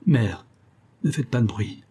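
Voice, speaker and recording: A man reading an audiobook, voicing a dying young woman who speaks faintly and slowly, like a child. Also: medium pitch, animated, dark tone, breathy edge. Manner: faint, sighing, slow.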